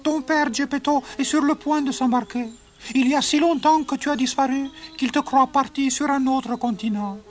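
A big, kind pigeon in a storybook, played by a woman, hurrying someone along. The voice sits high and sounds clear and urgent. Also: steady tone, moderate pace, a little mellow, close to an everyday voice. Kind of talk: audiobook character voice.

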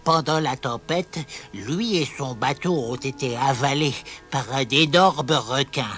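A man doing a slow, gentle dolphin. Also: mid-range voice, soft background music, natural voice. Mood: sorrowful. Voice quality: slow, drawn-out speech. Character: friendly dolphin, gentle and sorrowful.

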